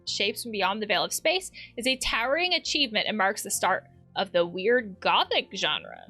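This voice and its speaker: Counselor lady doing game commentary, chatty and thoughtful, bright voice, faint music behind. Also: mid-range voice. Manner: chatty, reflective, reads game text aloud with soft laughs. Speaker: counselor playing a video game. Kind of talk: let's play commentary.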